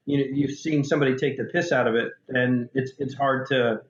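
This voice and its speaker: Echoey dark-humored male storyteller. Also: medium pitch, fairly even intonation, a little fast, lo-fi sound, slight background noise. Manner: candid, dark-humored storyteller with many restarts. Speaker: author and paramedic guest. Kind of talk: storytelling in a podcast interview.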